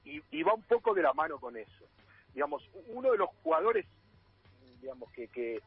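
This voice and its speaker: A man's voice: a little high, wildly swooping pitch, brisk, gravelly, breathy edge, no room sound. A man with an Argentine accent, a radio sports columnist explaining things in a panel talk, with many fillers and restarts. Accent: Argentine Spanish. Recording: muffled, phone-like line.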